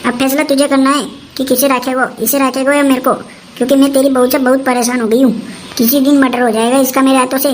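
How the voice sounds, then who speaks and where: This is a bossy old mother-in-law voiced by a woman in a comic skit. She nags and threatens in a rustic dialect, with a high voice. There is a faint hiss behind her. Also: flat delivery, quick pace, lightly acted, rough recording. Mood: scolding.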